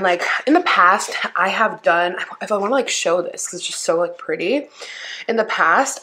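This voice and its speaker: A woman's voice: on the low side, fairly bright tone, low-quality recording. A woman YouTuber chatting casually with viewers while eating, talking between bites. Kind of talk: casual eating chat video.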